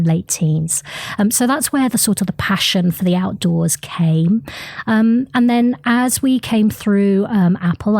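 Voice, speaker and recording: A woman's voice: on the low side, gravelly, no echo. A middle-aged woman telling her career story as an interview guest, chatty, with many ums and uhs. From United Kingdom. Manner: chatty, frequent ums and uhs, animated retelling. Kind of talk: interview conversation.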